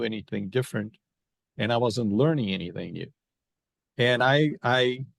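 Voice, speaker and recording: A man's voice: medium pitch, gravelly, no room sound. A man in his fifties from Brazil, a veterinarian guest in a podcast interview, speaking conversationally and repeating words as he thinks.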